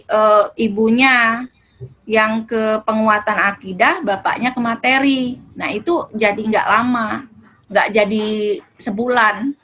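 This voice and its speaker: A woman's voice: a little high, a bit bright, low-quality recording. A woman speaking as a religious parenting speaker, answering questions in a casual, conversational way and sometimes acting out talks with children. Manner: conversational, acts out mother-child dialogue. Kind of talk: answering audience questions in a seminar.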